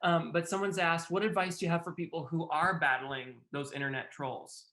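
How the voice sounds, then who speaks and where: Effusive, bright-voiced man in an echoey room. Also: a little high, fairly even intonation, normal speed. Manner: effusive, warmly enthusiastic praise. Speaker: host interviewer. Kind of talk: casual interview on video call. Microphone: video call.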